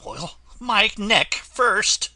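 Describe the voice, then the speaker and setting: A man reading an audiobook, voicing a rusted tin woodman who speaks slowly and sadly. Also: high-pitched, big pitch swings, sharp tone, no echo, pitched above the performer's own voice, exaggerated voice. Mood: sorrowful. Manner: slow, sorrowful, weary speech. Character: rusted male tin woodman, sad and slow.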